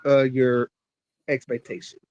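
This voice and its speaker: Slow, halting male stream host. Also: mid-range voice, level tone, darkish tone, no room sound, highs cut off. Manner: halting, many fillers and restarts. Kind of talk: casual stream chat.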